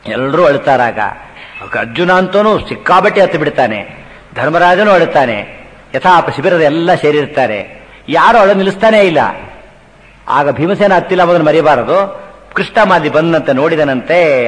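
A man giving a religious discourse, telling scripture stories with humor and chanting verses slowly. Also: fairly high pitch. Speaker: religious speaker. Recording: hall with long reverb.

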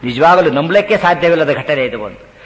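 A man giving a religious discourse, telling scripture stories with humor and chanting verses slowly. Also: on the high side, animated. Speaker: religious speaker. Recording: hall with long reverb.

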